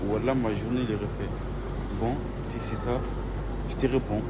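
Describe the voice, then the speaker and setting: A man's voice: fairly low pitch, fairly even intonation, normal speed. A man chatting casually to his followers in street slang, often repeating his phrases. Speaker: vlogger. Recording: noisy outdoor phone video, traffic.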